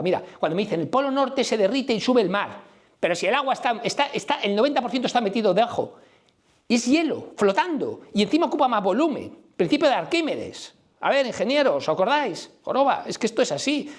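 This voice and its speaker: A middle-aged man with a Madrid accent giving a conference talk, blunt and colloquial, firing questions at the audience. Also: high voice. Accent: Madrid Spanish. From Spain. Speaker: conference speaker. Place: conference room before a live audience.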